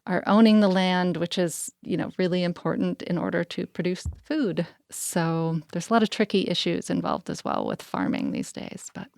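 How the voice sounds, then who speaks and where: A woman with a lowish, gravelly voice talks in a loose, chatty way, explaining as she goes and leaning on little fillers. The sound is dry and close, with no room echo. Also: very animated, normal speed, few pauses, darkish tone. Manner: chatty and explanatory, many "you know" fillers. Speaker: flower farmer guest. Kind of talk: casual interview chat.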